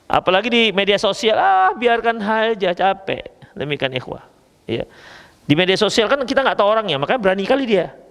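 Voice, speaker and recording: A man's voice: a little high, creaky, long reverb tail. A man preaching a religious lecture in a casual, joking way with a Medan accent. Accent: Medan Indonesian. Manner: lively, joking, addresses listeners as ikhwah. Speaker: Islamic preacher.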